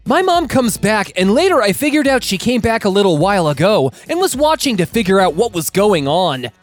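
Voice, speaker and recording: Lively story reader with soft music. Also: mid-range voice, a little fast. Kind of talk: reading internet stories aloud.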